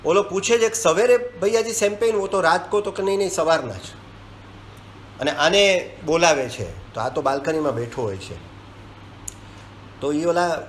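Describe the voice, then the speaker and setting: Man animatedly retelling a film. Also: medium pitch. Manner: animated storytelling, acting out dialogue lines. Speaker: film reviewer. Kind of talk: retelling a film in casual talk. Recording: echoey room with faint ambient hiss.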